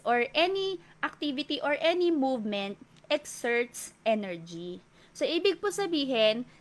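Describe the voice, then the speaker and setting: A woman with a Filipino accent and a fairly high voice, speaking as a fitness trainer to an audience. She talks politely and keeps checking in with rhetorical questions. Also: fairly bright tone. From Philippines. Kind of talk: talk to an audience.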